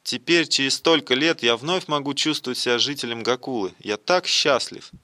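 A man voicing a joyful young divine hero in a devotional play, speaking slowly with open delight. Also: medium pitch, sharp tone, no echo, studio quality, voice pushed up, close to an everyday voice. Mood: joyous.

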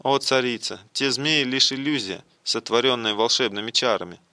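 A man voicing a lively young female companion in a devotional play, speaking excitedly. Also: mid-range voice, normal speed, dry recording.

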